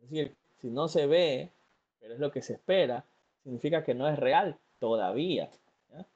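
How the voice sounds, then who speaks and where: Guy coaching, earnest, talks right at you, lots of ums, mellow tone, kinda dull lo-fi audio. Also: medium pitch, lively intonation, moderate pace, husky. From Ecuador. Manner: earnest, speaks directly to the listener, with frequent fillers and restarts. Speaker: life coach. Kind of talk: motivational talk.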